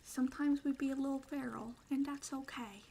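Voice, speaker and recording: A young adult woman streamer in quiet, casual ASMR chat, playful and rambling, sometimes dropping into soft whispers. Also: sits high, steady tone, brisk, slight background noise.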